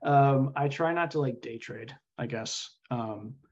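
A man speaking informally as an interview guest, halting and thinking aloud as he explains his views. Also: medium pitch, darkish tone, muffled recording. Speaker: podcast guest, software engineer. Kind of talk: casual interview conversation.

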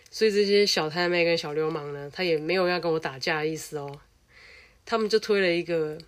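A young adult woman with a Taiwanese Mandarin accent, telling a personal story in a blunt, animated, casual way and swearing freely. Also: fairly low pitch.

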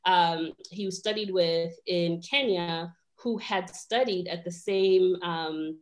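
A woman near thirty, born in Rwanda, talks casually as a podcast guest. Her voice sits a bit low, and she fills pauses with ums and laughs easily. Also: steady tone. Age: 20s. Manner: chatty, many fillers, laughs easily. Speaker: guest lawyer.

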